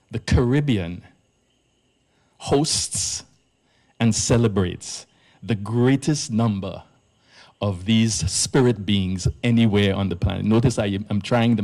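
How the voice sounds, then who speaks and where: A man's voice: on the low side, a little mellow. A man from Trinidad, a priest giving an earnest public lecture at a live event in an arts centre, stressing his key words.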